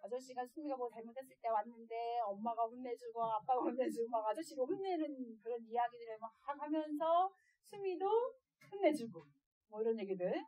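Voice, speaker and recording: A woman speaking as an adoptive mother to other parents, telling stories in a lively way and often laughing. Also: on the high side, a little fast, no echo. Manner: lively, acts out quoted voices and laughs often. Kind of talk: storytelling lecture to parents.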